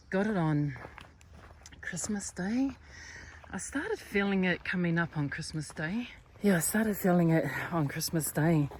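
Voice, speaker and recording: A young woman with a lowish voice vlogs from a hiking trail, filming on the phone she holds as she walks. She's chatty and out of breath, sighing on the climb, her voice chesty from a cold. Her intonation is lively and her pace slow, with slight background noise.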